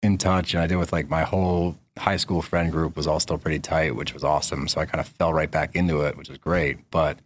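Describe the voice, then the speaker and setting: A man's voice: rumbling low, flat delivery, fairly quick, few pauses, slight background noise. A man talking as a podcast guest, telling stories in a laid-back, slangy way. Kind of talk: casual conversation.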